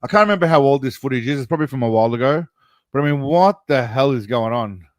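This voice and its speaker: A man's voice: medium pitch, animated, fast talker, no room sound. A man with an Australian accent hosting a casual livestream, reacting to a video in a laid-back, profane, rambling way. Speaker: host.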